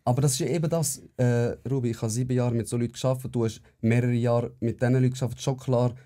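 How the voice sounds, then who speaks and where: A man's voice: medium pitch, steady tone, fast, dark tone. A young man with a Swiss German accent, a psychiatric nurse hosting a podcast, talking bluntly and casually and swearing now and then. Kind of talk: casual chat.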